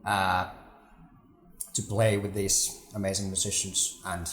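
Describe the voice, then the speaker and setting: A Finnish man in his twenties answers questions casually, pausing often and filling gaps with "uh" and "like". His voice sits low for a man. The room around him is noticeably echoey. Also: soft background music. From northern Finland. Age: 20s. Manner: hesitant, many fillers, relaxed. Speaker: drummer, interview guest.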